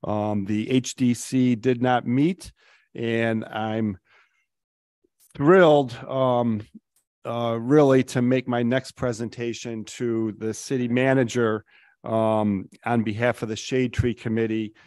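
A man's voice: mid-range voice, fairly even intonation, slow, a little mellow, no room sound. Rambling middle-aged man, dry council mic. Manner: rambling, many ums, enthusiastic. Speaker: city councilor. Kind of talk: council meeting report. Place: city council chamber. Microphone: table microphone.

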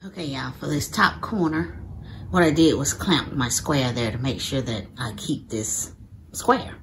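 A middle-aged DIY woodworking creator narrates a project step by step in her home workshop, chatty and casual, often saying "y'all." Her voice rumbles low and runs a little slow, with a little hiss or hum and the echo of the workshop room.

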